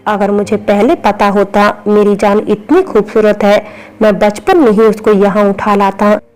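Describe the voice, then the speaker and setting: A woman's voice: medium pitch, fairly even intonation, measured pace, a little mellow, close to an everyday voice, rough recording. A playful young husband from a romance story, teasing his wife, read by a woman narrator. The voice stays level, with very little rise and fall.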